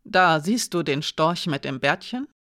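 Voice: medium pitch, expressive, a little slow, dry recording, studio quality. A narrator voicing a proud woman guard who speaks sharply and with menace, in an audiobook. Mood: stern. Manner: sharp, hard, threatening.

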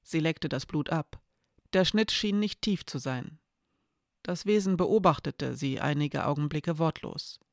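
A narrator reading a dark fantasy story aloud in a measured, even storytelling manner. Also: medium pitch, no echo, studio quality.

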